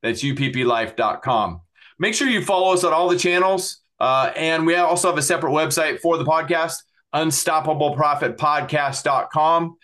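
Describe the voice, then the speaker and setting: An earnest middle-aged man closes out his podcast, thanking his guest and plugging his websites. He sounds heartfelt and a little repetitive, with plenty of fillers. His voice sits fairly high for a man. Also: normal speed, sharp tone. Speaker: podcast host.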